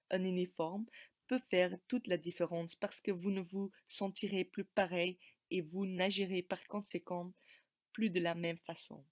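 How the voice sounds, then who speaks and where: Low-voiced woman giving a presentation. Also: darkish tone, no echo, clean studio sound. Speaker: student presenter. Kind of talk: scripted presentation.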